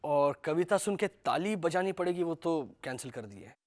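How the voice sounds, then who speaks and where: An actor playing a calm grown son who explains things in a matter-of-fact way. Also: male voice, fairly high pitch, normal speed, a little hiss or hum, lightly acted.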